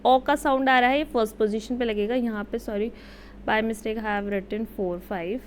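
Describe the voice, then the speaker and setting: Young woman, slightly high voice, unhurried teacher. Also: fairly even intonation, a little hiss or hum. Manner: slow, patient explaining. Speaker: shorthand teacher. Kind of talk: casual Hindi-English lesson.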